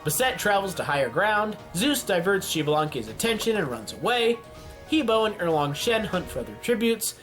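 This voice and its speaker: A man giving casual, jokey commentary on a game simulation, often yelling at events and laughing. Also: high-pitched, big pitch swings, moderate pace, soft background music. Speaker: YouTube gaming commentator.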